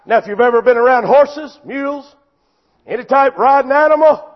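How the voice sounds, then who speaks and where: A man preaching a sermon, impassioned and often shouting, with a repetitive preaching cadence. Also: very high-pitched, normal speed, dull audio.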